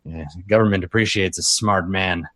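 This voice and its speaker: A man's voice: sits low, steady tone, bright, forceful tone, voice pushed down. A man voicing a smug, rich whale-like alien minister. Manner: slow, drawling and self-satisfied.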